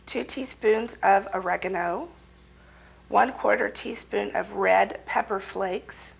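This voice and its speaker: A woman hosting a local TV cooking show, hoarse from a cold, folksy and chatty with her viewers. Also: medium pitch, poor audio.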